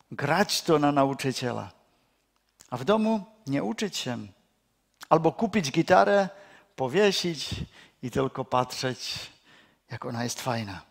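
Slow, measured male preacher. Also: on the high side, lively intonation, creaky. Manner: slow, measured delivery with pauses. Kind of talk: sermon.

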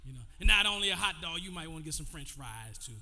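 A man's voice: a little high, lively intonation, fast talker, pushed and bright, faint music behind. A man in his forties preaching a sermon, loose and conversational, calling out to the congregation between testimony. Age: 40s. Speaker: pastor. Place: church sanctuary. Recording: long hall reverb.

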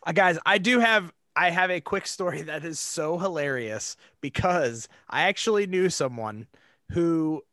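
Podcast co-host, male: high and bright, dry close sound, loose rambling delivery full of "like". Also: lively intonation, measured pace, no room sound. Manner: rambling, filler-heavy, laughs easily. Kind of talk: casual chat.

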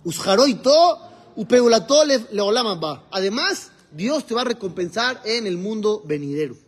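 A man's voice: sits high, lively intonation, moderate pace, slightly rough. A man, a rabbi teaching a religious class, asking his students questions and explaining the Hebrew texts he quotes. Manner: asks the class questions and answers them himself. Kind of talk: religious lesson to a live group.

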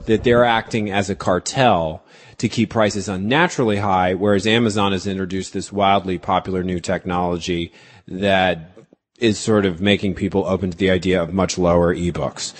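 A man with a deep, low voice talks as a guest novelist in a relaxed interview. He tells stories in an animated way and drops wry asides as he goes. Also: moderate pace. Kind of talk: casual interview chat.

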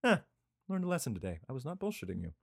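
In an indoor room with a cat, a man reads scripture aloud in an irreverent, profane way, breaking off into rambling casual asides as part of a comedic reading and chat. His mid-range voice swoops wildly in pitch, comes out rapid-fire with vocal fry, and is captured dry at studio quality.

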